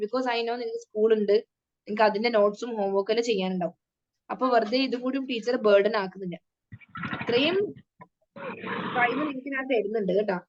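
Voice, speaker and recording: A woman's voice: a little high, highs cut off. A woman tajweed teacher giving an online class to children, patiently sounding out syllables one at a time.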